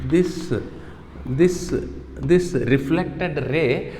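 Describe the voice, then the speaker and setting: A man with an Indian accent teaching a physics lesson, repeating key phrases and often putting questions that he answers himself. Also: high voice. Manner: repeats phrases, asks and answers own questions, checks understanding. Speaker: science teacher. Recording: echoey, reverberant room.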